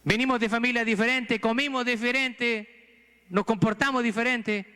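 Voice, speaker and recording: A man's voice: extremely high pitch, fairly even intonation, normal speed, bright, forceful tone, smooth, in a large hall. A man from Chile, a pastor with a Chilean accent, preaching a sermon earnestly and pressing the congregation with rhetorical questions. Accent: Chilean Spanish. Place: church sanctuary.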